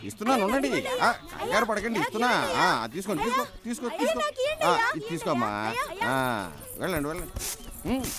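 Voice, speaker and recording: A genial village elder gathers children and hands out treats. His voice rises and falls in lively swings and keeps a playful, coaxing tone. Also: very high voice, fast, exaggerated voice. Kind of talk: Telugu film acting.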